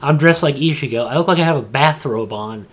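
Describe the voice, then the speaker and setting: A young adult man co-hosts a podcast, speaking at a brisk clip in a medium, slightly bright voice. He chats casually and with strong opinions, repeating phrases emphatically to stress his points.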